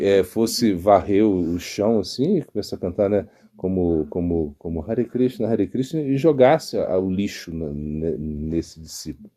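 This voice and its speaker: Here the same kind of informal spiritual talk comes from a middle-aged monk whose pitch is fairly low and whose accent is Brazilian Portuguese. His storytelling is animated, with quotes acted out and frequent stammers and restarted sentences.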